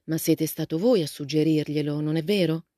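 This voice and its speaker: A woman voicing a lively, outspoken teenage girl in a storybook reading, asking eager, gushing questions. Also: low-pitched, normal speed, no echo, clean studio sound. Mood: friendly.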